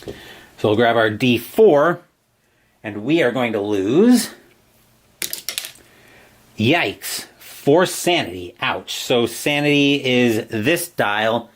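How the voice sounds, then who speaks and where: A man's voice: medium pitch, big pitch swings, slow, pauses often. Man narrating a horror gamebook dramatically. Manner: dramatic narration, asides on dice rolls. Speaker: host playing a solo gamebook. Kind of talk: reading a solo horror gamebook aloud and rolling dice.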